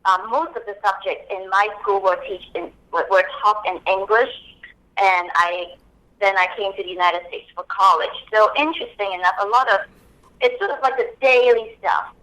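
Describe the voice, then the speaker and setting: This podcast guest is a copywriting expert from Hong Kong whose first language is Cantonese, and she explains things step by step in an interview. Her voice is mid-range, bright and forceful, at a normal speed. The audio quality is poor.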